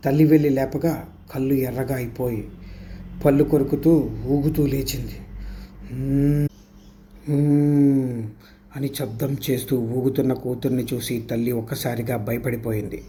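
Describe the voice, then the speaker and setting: A man narrating a horror story in a slow, hushed storytelling manner. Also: medium pitch, fairly even intonation, slight background noise.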